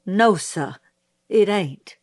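A woman voicing a calm, respectful young man on the witness stand, speaking plainly. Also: mid-range voice, extremely slow. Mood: steady. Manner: plain, quiet, polite.

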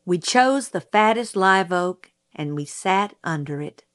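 A woman reading an audiobook aloud in measured storytelling narration. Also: on the low side, animated.

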